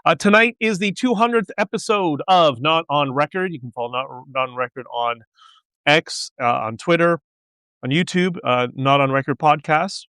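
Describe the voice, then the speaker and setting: Smooth-voiced man rambling on a livestream. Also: on the high side, moderate pace, bright, forceful tone, no room sound. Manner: rambling, digressive, with many restarts. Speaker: podcast host. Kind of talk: casual solo livestream monologue.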